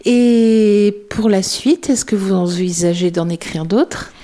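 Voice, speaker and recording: A woman hosts a radio interview with a mellow, relaxed voice. She asks her guest questions in a friendly, conversational manner. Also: mid-range voice, slow pace. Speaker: radio host.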